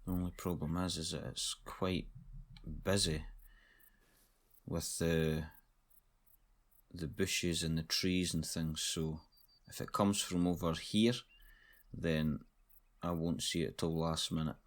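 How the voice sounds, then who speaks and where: Male gamer, deep voice, low-key running commentary while playing. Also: flat delivery, slow pace, pauses often. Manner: low-key, thinking aloud. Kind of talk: casual gameplay commentary.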